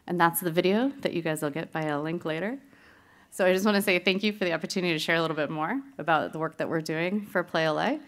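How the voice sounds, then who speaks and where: A woman presents slides at a conference in a slightly low voice. Her delivery is fluent and businesslike. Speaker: programme presenter.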